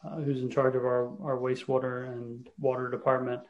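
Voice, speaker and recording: A man serving as mayor, chairing a town council meeting over a video call, speaking haltingly with many fillers. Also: mid-range voice, little pitch movement, muffled recording.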